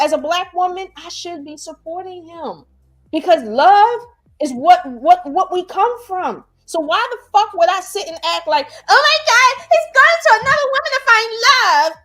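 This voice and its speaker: A woman hosting a casual reaction chat, talking in a blunt, profane and animated way. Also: extremely high pitch. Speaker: host.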